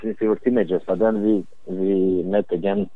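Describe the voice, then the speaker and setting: A young man from Croatia gives earnest, halting interview answers over a thin, phone-like line. His voice sits fairly low and sounds dry and close. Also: steady tone, no echo. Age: young adult. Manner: plain, earnest, halting phrasing. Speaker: cellist guest.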